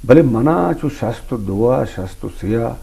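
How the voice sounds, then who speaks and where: A man talking slowly and softly as an interview guest, reciting poetry line by line with emphasis. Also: mid-range voice, expressive, gravelly, breathy edge. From Balochistan. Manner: slow, soft-spoken, recites verse line by line with emphasis. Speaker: poet guest. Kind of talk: relaxed interview, reciting verse.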